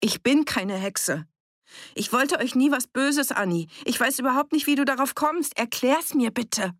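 A woman reader voicing a calm, determined woman who pleads earnestly with an old friend. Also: sits low, slow pace, gravelly, slightly rough, no room sound, studio quality, full character voice. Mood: pleading.

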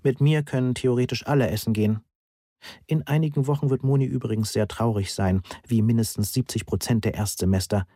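A man voicing a socially odd, literal-minded student in an audiobook, pedantic and deadpan. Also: mid-range voice, fairly quick, no room sound, clean studio sound, natural voice. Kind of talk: audiobook character voice.

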